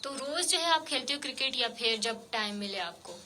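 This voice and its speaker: A woman hosting a radio show, interviewing a child guest with gentle, coaxing questions full of fillers. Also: high voice, lively intonation, a little hiss or hum. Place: radio studio.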